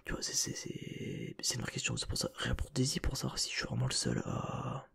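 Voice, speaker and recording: A man's voice: medium pitch, huge pitch swings, fairly quick, creaky, fairly bright tone, breathy edge. A man whispering right in your ear in a casual, rambling ASMR chat, speaking informally and directly to the listener on a close binaural mic. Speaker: ASMR video creator and host. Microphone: close binaural microphone.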